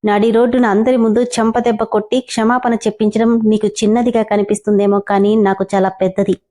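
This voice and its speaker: A woman's voice: mid-range voice, flat delivery, brisk, mellow, lightly acted. A woman narrator voicing an arrogant young male boss who talks in a sarcastic, taunting way.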